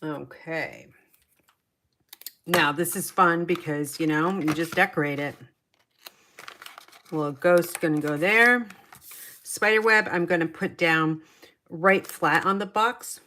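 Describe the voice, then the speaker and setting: A woman's voice: sits low, slow pace, pauses often, sharp tone, slight background noise. A middle-aged woman chatting her way through a paper craft tutorial, talking to herself as she works. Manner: chatty, talks to herself while working. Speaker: papercraft demonstrator.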